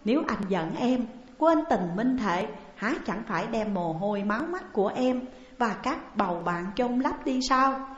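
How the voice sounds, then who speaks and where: A woman's voice: on the high side, animated, unhurried. A woman voicing a tearful younger sworn brother who pleads with his elder in an audiobook story. The recording is dull and echoey. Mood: tearful pleading. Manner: weeping, imploring, emotional.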